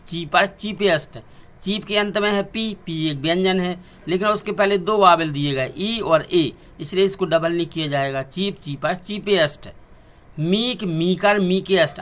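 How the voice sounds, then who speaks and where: A male teacher with a high, bright voice walks through a video lesson step by step. He spells words out letter by letter and repeats each example in a set, in a steady classroom manner.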